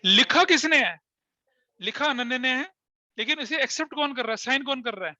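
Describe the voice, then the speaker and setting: A man's voice: very high voice, lively intonation, a little fast, sharp tone. A man teaching an accounting class, mixing Hindi with English, asking questions and repeating key terms to check that his students follow.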